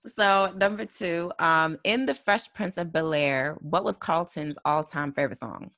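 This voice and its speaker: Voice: medium pitch, measured pace, sharp tone, dry recording. A young adult podcast host who talks in an upbeat, giggly, conversational way while running the interview. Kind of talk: casual interview chat.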